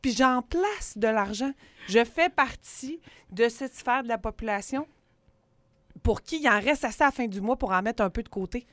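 A woman's voice: fairly high pitch, lively intonation, normal speed, a bit bright, no room sound. A woman in her thirties with a Québécois French accent, speaking frankly and candidly as co-host of a casual talk show.

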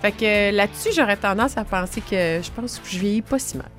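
A woman's voice: medium pitch, fairly quick, fairly bright tone, soft background music. A woman, speaking reflectively as a guest and often restarting her sentences. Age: 40s. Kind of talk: casual chat.

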